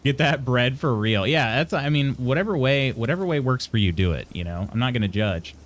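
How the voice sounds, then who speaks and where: A young man voices chat messages during his live stream and responds in an expressive, medium-pitched voice. His replies are casual and choppy, with repeated false starts.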